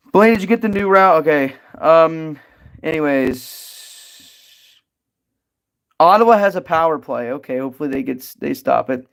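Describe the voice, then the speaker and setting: A young man hosts a casual livestream Q&A, reading chat questions aloud and rambling through his answers. His voice sits a little on the high side. He fills pauses with "um" and "like," then jumps into quick, excited bursts. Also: clear, resonant tone. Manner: rambling and chatty, many fillers, excited bursts.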